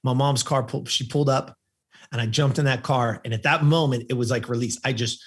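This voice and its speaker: A man's voice: medium pitch, fairly quick, slightly rough. A man in his fifties from California, a podcast guest telling a personal story with emphatic repetition. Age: 50s. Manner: animated storyteller who acts out the people he quotes.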